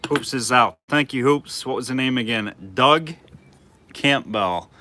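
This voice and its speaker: A man hosting a live online auction, chatting casually with viewers between quick bid calls. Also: mid-range voice, sharp tone, dry recording. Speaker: livestream auctioneer.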